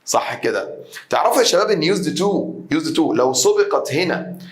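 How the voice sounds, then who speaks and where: Egyptian teacher explaining grammar slowly. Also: male voice, on the high side, animated, reverberant. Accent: Egyptian Arabic. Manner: explains step by step, switching between Arabic and English example sentences read slowly; addresses students directly with quick questions. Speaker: English teacher. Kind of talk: exam revision lesson.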